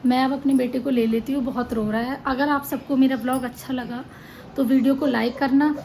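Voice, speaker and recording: A woman's voice: sits high, fairly even intonation, brisk, darkish tone. A tired young woman chatting in a casual home vlog, talking indoors with children playing and crying nearby. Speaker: vlogger. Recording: noisy home recording.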